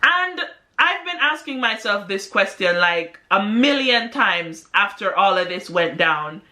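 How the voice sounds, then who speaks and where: A young adult woman vlogger telling a story in an animated, casual way, peppered with "like". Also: mid-range voice, a little slow. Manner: animated, exclamatory storytelling with many "like"s. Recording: echoey room.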